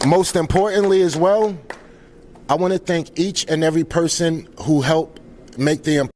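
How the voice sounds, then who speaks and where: A man's voice: fairly high pitch, fairly even intonation, moderate pace, a little mellow, a little hiss or hum. A man speaking as a founder presenting at a live event, informally welcoming guests in an earnest, grateful way.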